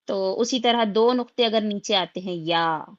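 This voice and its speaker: A woman teaching letter pronunciation for recitation, stretching each letter slowly and then explaining quickly. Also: medium pitch, no echo, lo-fi sound. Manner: slow drawn-out letter sounds with quick explanations.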